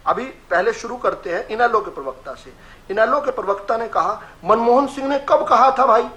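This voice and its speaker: A man's voice: very high-pitched, lively intonation, normal speed, bright, forceful tone. A man arguing as a party spokesperson in a heated TV debate, combative and talking over his opponents. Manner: combative, raises voice and talks over others.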